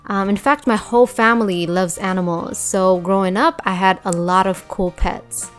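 A woman's voice: medium pitch, steady tone, normal speed, soft background music. Chatty young woman from Nepal. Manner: chatty, frequent ums and uhs. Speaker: YouTuber. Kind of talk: casual storytelling voice-over. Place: voice-over over whiteboard drawing.

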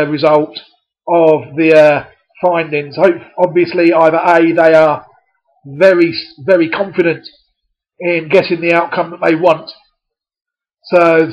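A man in a community media presenter's role reads a letter aloud, cutting in with sarcastic, scoffing comments. His voice sits a little high. The recording is dull and lo-fi.

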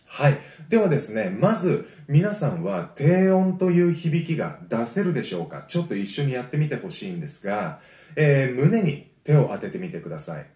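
A man teaching a voice lesson. He gives friendly, encouraging explanations and breaks them up with sustained low sung vowels. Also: sing-song, brisk, mellow. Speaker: voice trainer. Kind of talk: vocal lesson. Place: home. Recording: roomy echo.

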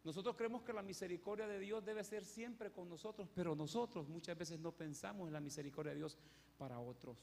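A man's voice: high voice, a little fast, creaky, a little mellow, slight background noise. A man preaching a sermon in a church, telling a story with emphasis and acting out its characters. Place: church hall. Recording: echoey church hall.

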